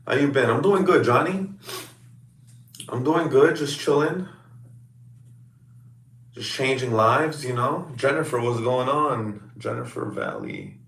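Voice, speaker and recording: A man coaching clients over a video call, chatting casually with loud, excitable hype-man energy. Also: mid-range voice, measured pace, creaky, long pauses, echoey room, distant mic. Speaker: fitness coach.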